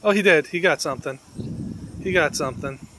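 A man vlogging outdoors as he feeds a wild squirrel, talking earnestly and affectionately, sometimes coaxing in a high pet voice. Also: a little fast, fairly bright tone, a little hiss or hum, poor audio. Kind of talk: casual vlog narration. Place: outdoors near his home.

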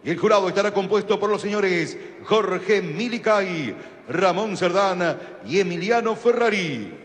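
Slow, high-pitched ring announcer, booming reverb. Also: male voice, animated. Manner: showy ring-announcer delivery with drawn-out names, like lucha libre. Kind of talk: formal fight introductions. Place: stadium, over the PA. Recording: long booming arena reverb.

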